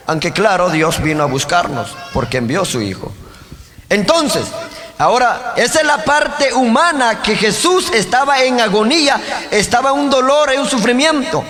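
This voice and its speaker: A man's voice: extremely high pitch, pushed and bright, in a large hall. A man preaching a sermon as pastor, asking the congregation questions and driving his points home. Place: church.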